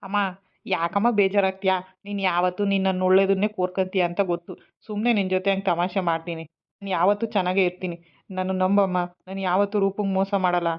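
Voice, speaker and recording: A woman playing a brusque, fast-talking young husband. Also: medium pitch, little pitch movement, lightly acted. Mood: reassuring. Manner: brusque, quick dismissive retorts. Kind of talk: amateur family skit. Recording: slightly dull lo-fi sound.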